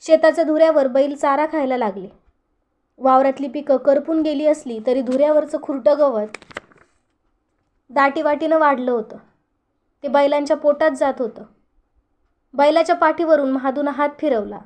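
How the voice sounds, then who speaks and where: Woman, high voice, storyteller, scripted story narration, steady earnest read. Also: moderate pace, long pauses.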